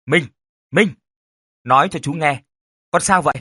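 A man's voice: on the high side, a little slow, pushed and bright, breathy edge, no room sound, studio quality, exaggerated voice. A man voicing a stern older rural uncle who deals with spirits, grave and commanding.

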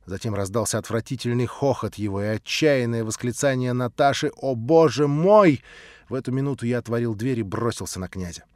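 A man narrating a classic novel as an audiobook, measured and steady. His voice sits at a middling pitch. The sound is dry and close. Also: dry recording. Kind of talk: scripted literary narration.

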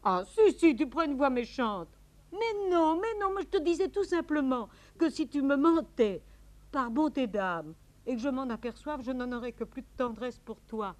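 A woman's voice: a little high, moderate pace, close to an everyday voice. An actress playing a desperate woman pleading on the phone. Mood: frantic. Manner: pleading, trembling, swings from hushed to frantic. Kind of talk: 1950s radio drama acting.

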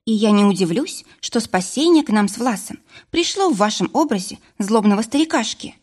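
Female reader as impulsive young heroine, anxious, higher voice, storybook. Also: lively intonation, brisk, darkish tone. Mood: pleading. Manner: pleading, emotional. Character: anxious, impulsive young woman lost in a winter forest.

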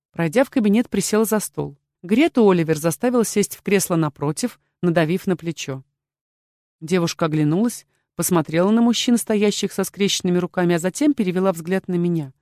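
A woman's voice: on the low side, fairly quick, a little mellow, no echo. Woman narrating a novel, dry sound. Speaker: audiobook narrator. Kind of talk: first-person novel narration.

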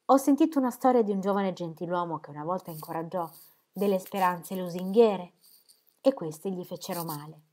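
A woman voicing a sharp-witted, affectionate young woman who teases and speaks warmly, in an audiobook reading. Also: lowish voice, brisk, natural voice. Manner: teasing, affectionate.

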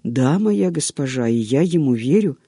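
A man voicing a long-winded old female servant who tells everything slowly and in order. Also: mid-range voice, lively intonation, warm tone, slightly rough, dry recording, studio quality. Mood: garrulous. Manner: rambling, drawn-out storytelling.

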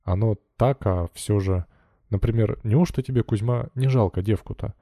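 A man's voice: on the low side, normal speed, mellow, no echo, studio quality, natural voice. A man voicing a stern, prying middle-aged miller questioning his worker in an audiobook.

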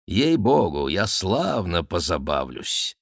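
A man's voice: low-pitched, big pitch swings, takes it slowly, vocal fry, no echo, studio quality, exaggerated voice. A man voicing a mocking young courtier. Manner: ironic, teasing, politely insolent. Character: mocking cool young male courtier, a nobleman. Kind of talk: audiobook character reading.

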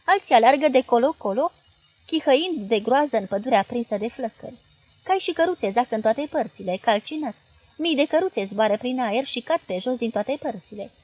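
A woman reading the part of a young girl in a hypnotic trance, describing visions, in a husky voice. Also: on the high side, expressive, darkish tone, dry recording, low-quality recording. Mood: alarmed. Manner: dreamy, then alarmed as she describes visions.

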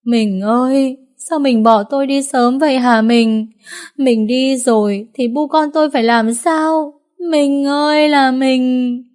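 A woman's voice: high-pitched, slow, a little mellow, voice pushed up. A woman doing a wailing, grief-stricken village mother. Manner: sobbing, pleading. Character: grieving village mother, wailing for her husband.

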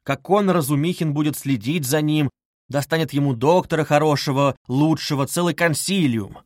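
A man reading a novel aloud in a measured, even storytelling manner. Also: a little high, no echo, studio quality. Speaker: audiobook narrator. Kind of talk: scripted novel narration.

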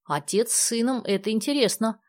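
A woman voicing a lively, carefree adult woman who speaks in bright exclamations in a storybook reading. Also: fairly high pitch, a little fast, pitched above the performer's own voice, close to an everyday voice. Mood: exuberant. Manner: exuberant and exclaiming.

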